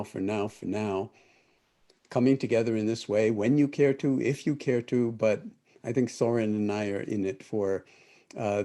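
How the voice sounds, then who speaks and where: An older American man with a lowish, mellow voice leads an online meditation group over a video call. As a meditation teacher giving a live-streamed talk, he speaks thoughtfully and rambles a bit, correcting himself as he goes.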